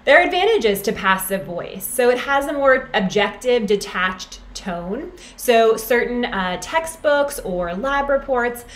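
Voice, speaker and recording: A woman explaining writing grammar as an instructor, in a clear teaching manner and often asking "right?". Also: a little high, lively intonation, measured pace, few pauses. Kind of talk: lecture over slides. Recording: roomy echo, faint background ambience.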